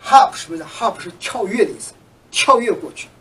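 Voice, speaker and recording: A teacher giving a recorded language lesson, patiently repeating words and example sentences slowly. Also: medium pitch, lively intonation, a bit bright, recorded from a distance, poor audio. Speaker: English teacher.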